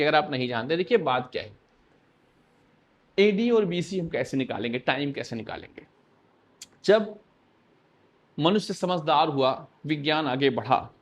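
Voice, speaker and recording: A male teacher giving an exam-prep history lecture, asking questions aloud and answering them himself. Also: sits high.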